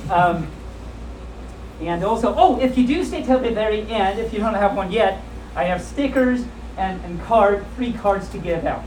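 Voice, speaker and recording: A woman with a medium-pitched, expressive, somewhat dark voice reads a comic children's story aloud at a moderate pace, hosting a live storytime at a fan convention with playful, jokey, chatty asides to the audience. A distant camera films the event in an indoor convention room, so the recording is echoey and carries background noise.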